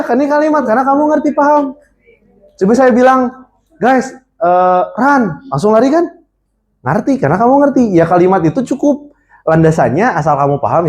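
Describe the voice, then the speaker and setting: This is a young man from leading a college seminar session, speaking into a handheld microphone. His voice sits slightly high for a man. He teaches in an animated, interactive way and keeps quizzing the audience. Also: a little hiss or hum.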